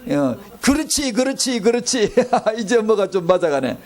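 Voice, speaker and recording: A man's voice: high-pitched, big pitch swings, moderate pace. A man preaching a sermon as pastor, firing off rhetorical questions, repeating himself for emphasis and bantering with the congregation.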